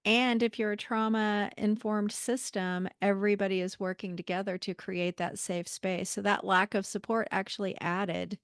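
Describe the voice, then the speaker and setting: A woman's voice: medium pitch, fairly even intonation, normal speed, hardly any pauses, clear, resonant tone, dry recording, clean studio sound. A woman hosting a podcast interview, affirming her guest in casual chat. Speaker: podcast host.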